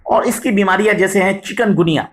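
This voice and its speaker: A man teaching English vocabulary in a video lesson, explaining patiently, reading English examples slowly and often asking "right?". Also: high-pitched. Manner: addresses viewers as "sahab", frequent "right?".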